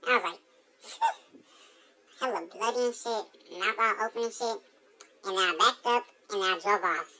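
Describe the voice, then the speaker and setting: A woman's voice: fairly high pitch, a little slow, pauses often, sharp tone. A woman voicing a foul-mouthed drunk chipmunk in a comedic monologue, brash and heavy on slang and swearing.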